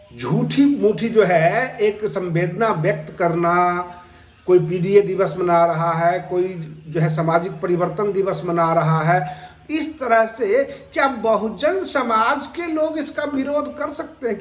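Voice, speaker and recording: Echoey, argumentative male political commentator. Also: high voice. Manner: argumentative, rhetorical questions.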